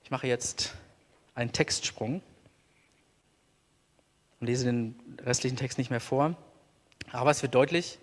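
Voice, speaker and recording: A man preaching a sermon as pastor, earnest, slowing down to stress key words. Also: on the high side, a bit bright. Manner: earnest, slows down for emphasis. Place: church. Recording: long church reverb.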